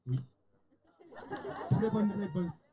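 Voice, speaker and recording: A man emceeing a camp stage game, teasing and theatrical. His voice is fairly high and his delivery unhurried. A lively audience can be heard on a dull, lo-fi recording. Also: noisy background. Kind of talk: stage hosting. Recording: lo-fi sound with a lively crowd.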